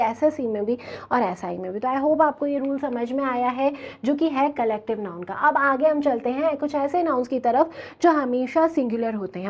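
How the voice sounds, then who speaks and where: A woman teaching an English grammar lesson, explaining slowly and asking her students questions as she goes. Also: sits high, muffled recording. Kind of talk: classroom grammar lecture.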